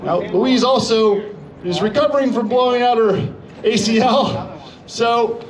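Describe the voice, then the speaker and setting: A man's voice: very high voice, a little slow. A man presenting a live demonstration to a crowd as an instructor, with a jokey, showman-like manner. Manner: showman-like, jokey, addresses the audience. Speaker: motorcycle instructor and demonstration host. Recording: live event with crowd behind.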